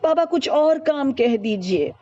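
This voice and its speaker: A woman playing a young son who pleads in a hesitant, ashamed way, his voice pitched a little below hers. The tone is mellow and the recording dull and lo-fi. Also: animated. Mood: ashamed pleading.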